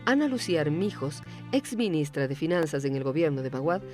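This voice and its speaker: Low-voiced woman narrating a documentary. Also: faint music behind. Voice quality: measured, even delivery of figures and facts.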